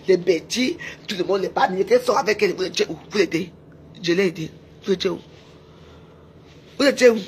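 Medium in pitch, with a bit of hiss or hum, this woman's voice carries a heated, taunting tirade aimed at her camera. She's a social media personality, shouting insults and hammering the same jabs over and over.

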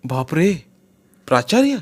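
A man's voice: fairly high pitch, sing-song, unhurried. A man voicing a wary, educated younger man who answers his friend's offers with surprise and doubt in a read-aloud novel. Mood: wary, doubtful.

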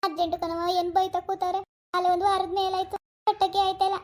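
A woman's voice: sits high, little pitch movement, quick pace, mellow, lightly acted. A woman voicing Gowri, a timid pleading village daughter. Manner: nervous, pleading, tearful begging. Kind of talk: cartoon voice acting.

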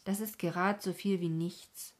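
A woman voicing a wistful, sad little boy in a bedtime story, breathy and softly whispered. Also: on the low side, fairly even intonation, unhurried. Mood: earnest.

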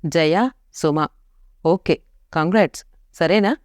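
A woman's voice: fairly low pitch, takes it slowly, a little mellow, no room sound, studio quality. Woman reading a teasing, possessive young man. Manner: mocking and curt.

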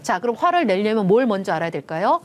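Animated woman lecturing on family talk. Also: mid-range voice, fast. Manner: animated, acts out quotes in lively voices. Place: television studio with panel.

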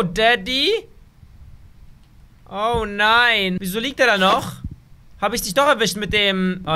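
High, bright-voiced excitable gaming man. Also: a little hiss or hum. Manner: excitable, chatty, talks to viewers directly. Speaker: gaming YouTuber. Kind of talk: let's play commentary.

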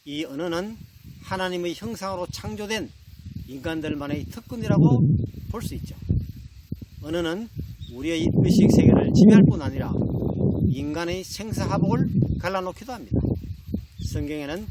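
A man's voice: high voice, recorded from a distance, a crowd in the background, low-quality recording. Man giving a devotional talk. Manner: measured, telling a joke as a lesson. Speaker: preacher.

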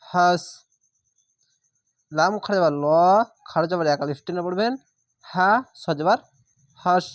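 A man teaching how to read scripture, spelling it out syllable by syllable in a patient, drawn-out way and repeating the rules. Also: high-pitched, dry recording, clean studio sound. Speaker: Quran reading teacher. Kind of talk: spelling-out recitation lesson.

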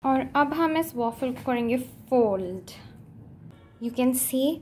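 Her high voice animated but slow, a home cooking vlogger in her twenties with an Indian accent chats casually in a blend of Hindi and English, with music playing underneath. The cook-along is shot on a phone camera a few feet away in a small curtained room at home, so the room echoes and there's background noise.

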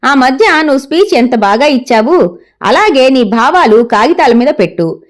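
An upbeat college friend cheers her pal on, with a fairly high and animated voice, as a woman narrator voices her. She is part of a read-aloud audio story. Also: moderate pace. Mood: encouraging. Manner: upbeat, encouraging. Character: cheerful encouraging young college girl friend.

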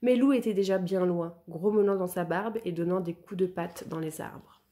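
Mellow-voiced woman reading a kids' story. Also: lowish voice, normal speed. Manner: lively, expressive reading. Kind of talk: children's story narration.

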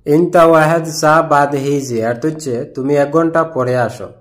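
A man giving a scripted language lesson, explaining each phrase word by word in a steady, repetitive way. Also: on the high side, moderate pace. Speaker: language teacher.

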